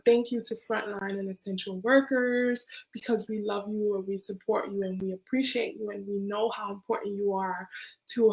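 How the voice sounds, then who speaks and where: A woman hosts a live online talk show in a fairly high voice. She sounds upbeat and repeats her pleas for emphasis, speaking over a video call. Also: low-quality recording. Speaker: host.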